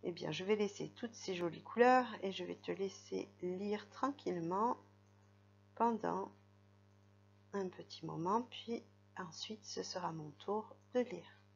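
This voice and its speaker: A woman's voice: on the low side, a little slow, vocal fry. A woman teaching young children to read, patiently guiding them through the text and spelling out letters and syllables. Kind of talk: reading lesson for young children. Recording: dull lo-fi recording.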